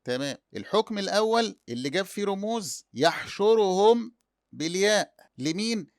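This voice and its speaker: A man's voice: high-pitched, lively intonation, normal speed, no echo, clean studio sound. Egyptian male teacher quizzing himself. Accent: Egyptian Arabic. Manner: asks and answers his own questions. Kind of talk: explanatory lesson.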